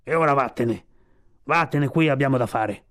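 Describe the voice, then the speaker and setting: A man voicing a grumpy, sleepy old male walrus in a storybook reading, grumbling slowly. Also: medium pitch, fairly bright tone, no room sound, clean studio sound, close to an everyday voice. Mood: dismissive.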